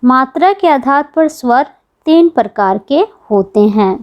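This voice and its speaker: High-voiced woman teaching grammar, lo-fi. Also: animated, a little slow. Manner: patient, repeats key points and asks questions to check understanding. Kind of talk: exam-prep grammar lesson.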